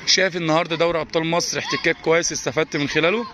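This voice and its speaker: Rapid Egyptian reporter at a noisy pitch. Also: male voice, steady tone. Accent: Egyptian Arabic. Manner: rapid, repetitive questioning. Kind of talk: sports coverage interview. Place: outdoor football ground. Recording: noisy outdoor pitch-side recording.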